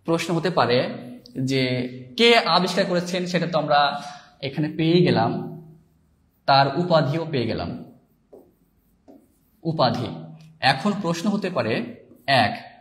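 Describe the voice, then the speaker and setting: A male teacher giving a live exam-prep lesson, reading out viewers' comments and spelling words slowly. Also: fairly high pitch, expressive. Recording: echoey room.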